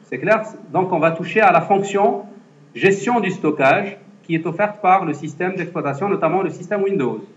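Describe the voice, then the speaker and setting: A man's voice: high-pitched, moderate pace. A man teaching a computer lesson to a class, explaining step by step and often checking that students follow. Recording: echoey classroom, dull lo-fi sound.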